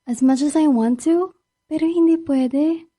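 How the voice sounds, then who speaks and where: Francesca, a flirty mistress. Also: female voice, sits high, measured pace, mellow. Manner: teasing, giggly. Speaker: voice actor. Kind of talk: radio drama acting.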